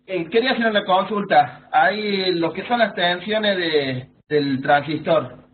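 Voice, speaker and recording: A man asking a teacher a question in an online class, hesitant and halting. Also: high-pitched. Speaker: student. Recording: tinny video call with faint noise.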